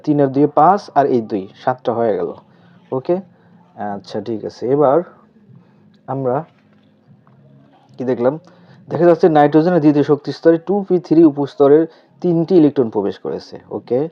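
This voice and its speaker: A man teaching a chemistry lesson step by step with a Bangladeshi Bengali accent, asking questions aloud and answering them himself. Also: fairly high pitch. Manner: asks questions aloud then answers, repeats terms slowly. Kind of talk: step-by-step tutorial explanation. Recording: slightly dull lo-fi recording.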